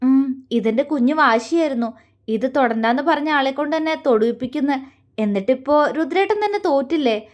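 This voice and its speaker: A woman's voice: high voice, animated, moderate pace. A woman voicing a coy, affectionate young wife in a romantic audio story. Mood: playful. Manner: coy, pouting.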